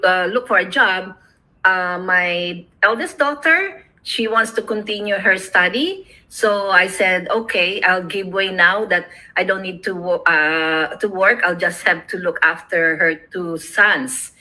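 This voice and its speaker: A woman's voice: lowish voice, a little slow, bright, forceful tone, poor audio. Chatty middle-aged woman on a video call. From Philippines. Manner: chatty, rambling, laughs often. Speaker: host. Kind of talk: casual chat.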